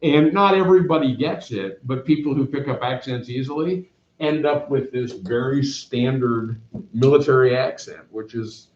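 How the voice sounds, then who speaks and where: Medium in pitch, with a darkish tone and moderate pace, this middle-aged math teacher from Canada rambles chattily and self-deprecatingly to his class. A camera across the whiteboard classroom captures him in a roomy, dull recording.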